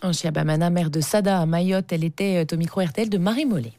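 A woman presenting a live radio news bulletin, brisk, with small hesitations between phrases. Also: lowish voice, warm tone.

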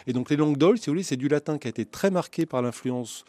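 A man, a journalist guest on a radio talk show, explaining at length in a measured, lecturing way. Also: fairly high pitch, expressive, a little mellow, no room sound. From southwest France.

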